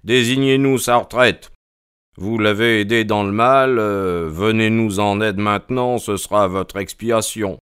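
A man's voice: on the low side, fairly even intonation, a little slow, a bit bright, clean tone, no room sound, studio quality. Man voicing a cold, commanding detective. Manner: cold, clipped delivery. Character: cool, commanding male detective.

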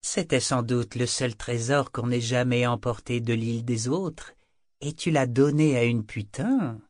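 A man's voice: medium pitch, measured pace, no echo, studio quality, natural voice. A man voicing a small, mocking carved wooden charm that speaks cryptically. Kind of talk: audiobook character voice.

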